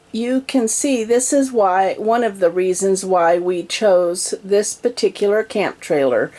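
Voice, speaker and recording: A woman's voice: mid-range voice, mellow. A middle-aged woman casually narrating a vlog as host, recorded inside a small camper trailer. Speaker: host of a sewing and travel vlog.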